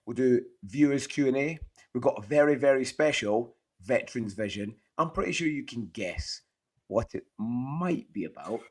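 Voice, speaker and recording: A Scottish podcast host chats casually about fantasy football, his voice hoarse and partly lost from shouting. He rambles in a matey, enthusiastic way at a middling pitch, with lively intonation and normal speed.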